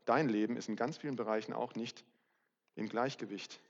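A man's voice: medium pitch, fairly even intonation, fairly quick. A middle-aged man preaching a sermon as pastor, candid and self-mocking in a conversational way. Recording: muffled, reverberant hall recording.

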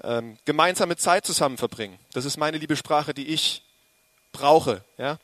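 A man preaching a sermon to a congregation, lively and joking, speaking to them directly. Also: on the high side, moderate pace, dry recording.

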